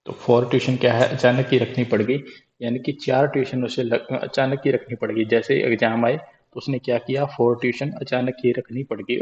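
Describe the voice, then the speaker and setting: Indian guy drilling vocab mnemonics, repeats lines slow, kinda dull lo-fi sound. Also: mid-range voice, a little mellow. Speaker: teacher. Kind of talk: vocabulary lesson.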